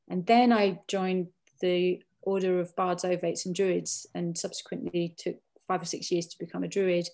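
A woman's voice: lowish voice, a little mellow. A middle-aged woman from Britain, an archaeologist and Druid, telling a personal story in a rambling way, with many restarts and fillers.

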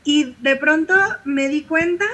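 A woman's voice: sits high, steady tone, measured pace, a bit bright. A woman with a Mexican accent, a pastor and singer, telling stories in an interview with vivid quoted dialogue. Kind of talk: conversational storytelling interview.

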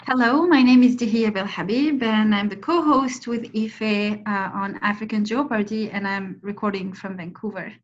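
A woman's voice: mid-range voice, normal speed, few pauses, muffled recording. A woman from Algeria co-hosting a podcast, introducing a guest enthusiastically with some fillers. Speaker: podcast co-host.

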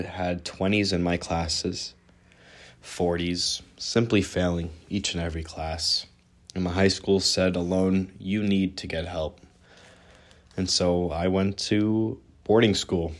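A young man with a deep, low voice hosts his own podcast and tells his life story straight to the listener. He speaks earnestly and candidly, now and then restarting a word. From born in Israel, raised in New York. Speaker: podcast host. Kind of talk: personal storytelling monologue.

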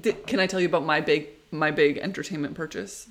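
Podcast cohost gushing about tv, chatty, laughs a lot, mid pitch. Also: fairly even intonation, fairly quick, a little hiss or hum. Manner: chatty, enthusiastic, laughs often. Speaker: podcast co-host. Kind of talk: casual chat.

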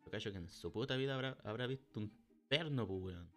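A man's voice: fairly low pitch, a little fast, soft background music. A man with a Chilean accent telling a crude, slangy story in a casual podcast chat, acting out the other people in it.

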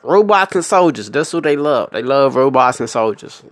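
A man's voice: mid-range voice, normal speed, dry recording, studio quality. A young man delivering a profane, emphatic comic rant, laughing often. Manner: animated, emphatic and laughing, with frequent swearing.

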